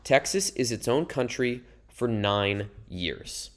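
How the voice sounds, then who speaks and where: Speaking slowly and expressively at medium pitch, a young man teaches history from slides in a recorded classroom lecture. He keeps things relaxed and chatty, tossing asides to the class.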